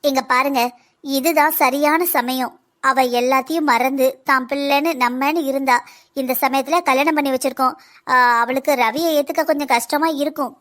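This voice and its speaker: A woman plays a patient wife in a cartoon who speaks in a high, slow, even way with a southern Tamil accent. She calmly talks her husband round. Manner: slow, calm, persuasive. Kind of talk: cartoon dialogue.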